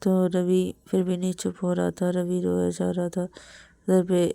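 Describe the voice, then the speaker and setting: A woman's voice: lowish voice, monotone, a little slow, gravelly, dark tone, clean tone, no room sound. A woman narrating a romance story in a plain, repetitive retelling.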